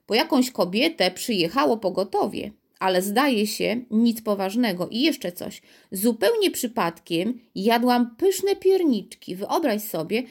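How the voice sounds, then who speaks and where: A woman's voice: a little high, darkish tone. A woman voicing a nervous, fussy mother in a children's audiobook, speaking in a chatty, mildly fretful way.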